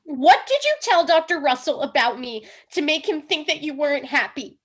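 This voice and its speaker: Wife in a comic play reading, dream-analysis zealot, high and lively, emphatic; a woman plays her. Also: normal speed. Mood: agitated. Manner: emphatic, theatrical delivery.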